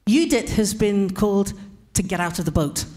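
A woman preaching a lively, humorous sermon in church, pausing for an interpreter. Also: mid-range voice. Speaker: pastor.

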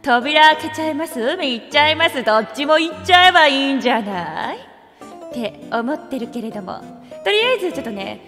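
With lively intonation and a fairly quick pace, this woman's high, fairly bright voice fills a karaoke livestream that she hosts as a virtual streamer. She speaks in an old-fashioned regal style and playfully greets viewers individually. Music plays behind her, and the sound is drenched in reverb.

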